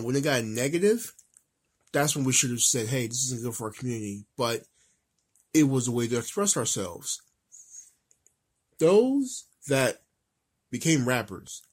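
Deliberate, emphatic man ranting on a flip phone. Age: 30s. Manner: deliberate, emphatic, repeats phrases for stress. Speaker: vlogger. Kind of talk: casual rant monologue. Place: office. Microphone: old flip phone. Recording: old flip phone, lower quality audio.

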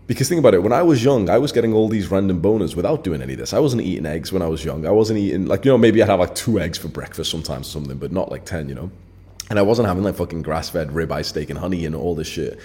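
Talking straight to the camera on his own channel, this late-twenties host has a low, warm voice. His style is blunt and casual, peppered with swearing and lots of fillers.

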